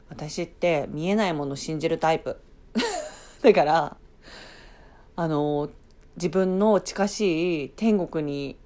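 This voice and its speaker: A woman's voice: on the low side, darkish tone. A woman casually telling a story on her own as a podcast host, chatty, breaking off for playful asides and acting out sounds and reactions.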